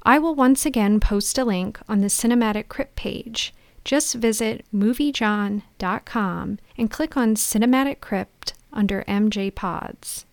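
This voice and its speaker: A woman's voice: medium pitch, a little slow, gravelly, dry recording. A woman podcast host giving scripted film commentary in a playful, theatrical storytelling manner.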